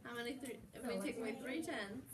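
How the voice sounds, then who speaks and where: A woman teaching young children in a kindergarten-teacher way, with simple questions and gentle directives. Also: a little high, fast, over a noisy crowd. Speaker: teacher leading a children's math lesson. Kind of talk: classroom instruction to young children. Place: classroom. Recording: distant mic, very noisy classroom.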